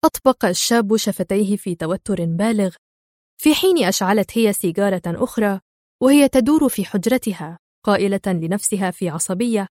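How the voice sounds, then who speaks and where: A woman reads a thriller audiobook in a measured, expressive voice. Her pitch sits in a natural mid range. The recording is close and very dry. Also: no room sound. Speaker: audiobook narrator. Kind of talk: dramatic audiobook narration.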